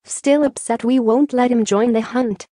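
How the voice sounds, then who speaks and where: A woman narrator voicing a hearty, loud male ghost huntsman in a boisterous, mocking manner. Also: a little high, steady tone, measured pace, no echo, clean studio sound.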